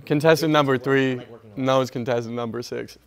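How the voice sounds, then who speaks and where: A young man on a dating game show, speaking calmly and matter-of-factly. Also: medium pitch, normal speed. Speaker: contestant. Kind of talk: casual banter.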